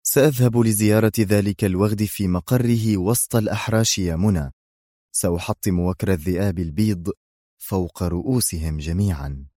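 A man voicing a calm male hero officer who speaks quietly and coldly. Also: low-pitched, a little fast, no echo, studio quality. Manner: quiet, cold and menacing.

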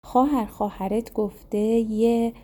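The fisherman's wife, a calm magical maiden from the sea, who soothes him and recites a sing-song charm, voiced by a woman narrator. Mellow and fairly high. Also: natural voice. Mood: reassuring. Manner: soothing, chant-like incantation.

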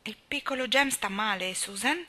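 A woman voicing a sentimental, lively young wife who talks expressively. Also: fairly high pitch, moderate pace, voice pushed up.

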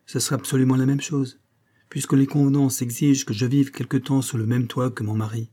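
Man voicing a self-assured, teasing young wife in a storybook; warm, husky tone, brisk and a little mocking. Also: mid-range voice, flat delivery, lightly acted.

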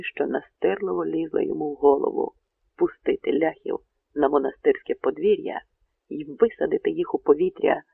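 A man narrating a historical novel in a steady, measured storytelling voice. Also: fairly high pitch, gravelly, husky, no echo. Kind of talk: audiobook narration. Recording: narrow phone-like radio sound.

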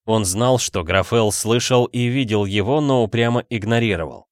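A man narrating a story in a steady, measured audiobook reading. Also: on the low side, no echo, clean studio sound.

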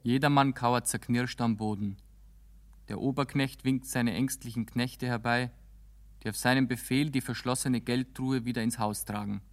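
A man narrating the stage directions of a radio play in a calm, even way. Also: mid-range voice, moderate pace, slight background noise. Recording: music under narration.

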